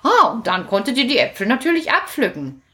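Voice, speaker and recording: A woman voicing a kind, fussy old grandmother who scolds gently in a children's story. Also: fairly high pitch, very animated, brisk, pitched above the performer's own voice. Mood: scolding.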